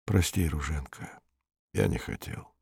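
A man reading the part of a withdrawn young male spaceman in a low, hushed voice. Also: very animated, a little slow, creaky, breathy edge, no room sound, clean studio sound, full character voice. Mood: sorrowful.

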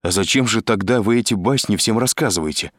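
A busy, irritated man, voiced by a male narrator in his own register, answers in short, low phrases. The delivery stays deep and unhurried. The sound is dry and close to the mic. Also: fairly bright tone, dry recording. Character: harried man in an office.

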